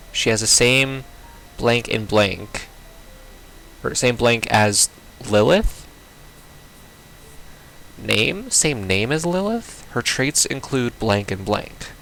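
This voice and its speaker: With a gravelly, somewhat bright medium-pitched voice and slight background noise, a gamer reads visual novel text aloud, reacting in a casual, baffled and sweary way throughout the playthrough.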